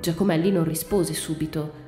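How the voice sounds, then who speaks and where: A woman reading a literary short story aloud in a measured, even storytelling manner. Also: low-pitched. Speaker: reader. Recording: roomy reading with faint music.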